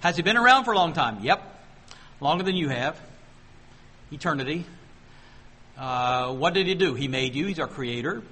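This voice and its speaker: A man preaching a sermon, asking the congregation questions and slowing down to read scripture aloud. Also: fairly high pitch, animated, sharp tone, slightly rough. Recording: long hall reverb.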